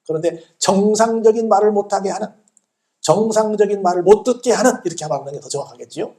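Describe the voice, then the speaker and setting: A male pastor preaching a sermon in church, animated and putting many questions to the congregation. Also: sits high, fast talker.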